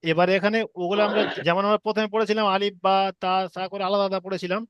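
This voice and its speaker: A man's voice: high voice, flat delivery, fairly bright tone, clear, resonant tone, no room sound, muffled recording. A man teaching a reading class, spelling out sounds syllable by syllable in a patient, repetitive way. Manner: slow syllable-by-syllable spelling drills; patient, repeats each sound. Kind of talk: online reading lesson.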